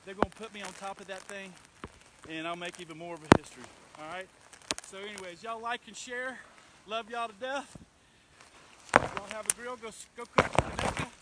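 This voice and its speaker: High-voiced Southern man in windy outdoor noise. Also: moderate pace. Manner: folksy, excitable, exclaiming. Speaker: amateur weather reporter. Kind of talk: casual live storm report. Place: outdoors up a tree in wind and rain. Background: storm wind and rain.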